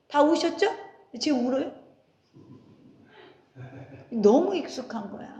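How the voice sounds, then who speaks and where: A woman's voice: sits high, darkish tone. A woman pastor in her forties preaching a sermon in a conversational way, asking the congregation questions and telling stories with laughter. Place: church sanctuary. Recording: echoey church hall.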